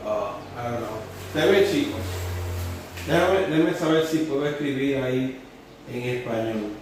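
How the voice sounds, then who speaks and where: A man teaching English phrases at a whiteboard, switching between English and Spanish and repeating each phrase slowly several times. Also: medium pitch. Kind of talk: bilingual whiteboard lesson. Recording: roomy, distant mic, faint background hum.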